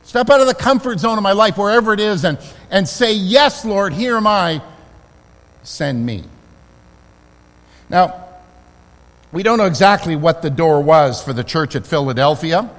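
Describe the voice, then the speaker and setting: A man preaching a sermon in a church, earnest and emphatic, slowing down to stress key words. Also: high voice, expressive. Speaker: pastor. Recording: long hall reverb.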